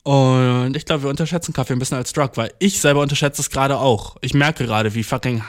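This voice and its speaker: A man's voice: mid-range voice, fairly even intonation, quick pace. A man delivering a rambling comedic monologue, swearing constantly and mixing English slang into his talk, self-mocking and over-caffeinated. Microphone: audio-only recording.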